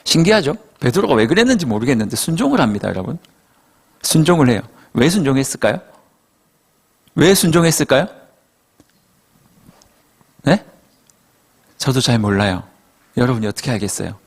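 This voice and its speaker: A man's voice: mid-range voice, big pitch swings, normal speed, gravelly, pauses often, breathy edge. A male pastor preaching a sermon in a conversational way, asking rhetorical questions and acting out characters.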